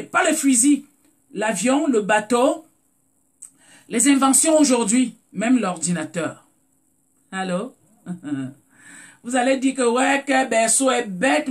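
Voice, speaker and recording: A speaker from Cameroon with a Cameroonian French accent, hosting a casual live talk, repeating words while searching for them and greeting viewers by name. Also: medium pitch. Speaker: live stream host.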